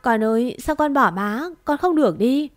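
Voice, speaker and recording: A woman voicing an older mother who is grieving and vengeful, with a shrill, accusing, wailing delivery. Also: expressive, fairly quick, no room sound, lightly acted.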